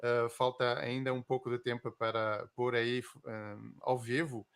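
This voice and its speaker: Guy, unhurried, lots of ahm and eh, thinking out loud in an interview. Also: mid-range voice, little pitch movement, clean tone. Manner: reflective, hesitant with many drawn-out fillers. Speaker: guest. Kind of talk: conversational interview answers.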